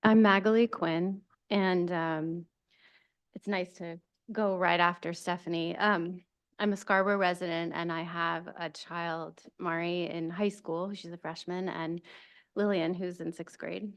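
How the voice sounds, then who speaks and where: A woman's voice: on the low side, fairly even intonation, unhurried, smooth. A woman in her forties, a family physician, introducing herself plainly with a few fillers in a public comment at a school board meeting.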